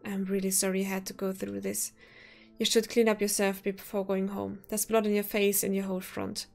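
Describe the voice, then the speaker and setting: A manipulative male professor speaks with calm, coaxing menace, as a woman reads him aloud. His lines stay level and restrained, never rising much in pitch. Quiet music plays behind the reading. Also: fairly quick, natural voice. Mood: soothing. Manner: smooth, coaxing, coldly threatening. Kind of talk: visual novel read-aloud.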